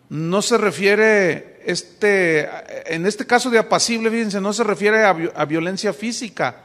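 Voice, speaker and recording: High-voiced gravelly preacher in a reverberant hall. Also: male voice, fairly bright tone. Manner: storytelling with acted dialogue, many restarts. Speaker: pastor. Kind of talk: sermon.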